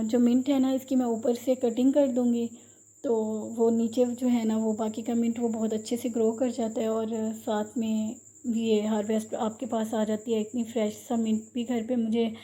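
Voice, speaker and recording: A woman's voice: on the high side, mellow. A young woman from Pakistan narrating her vlog in a casual, chatty and emotional way. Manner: chatty, emotional, recites a ghazal. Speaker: vlogger.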